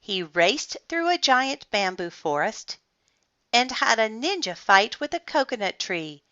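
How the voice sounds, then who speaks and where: A woman reading a bedtime story aloud slowly and expressively. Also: a little high, sing-song, a bit bright, dry recording. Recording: slightly muffled dry recording.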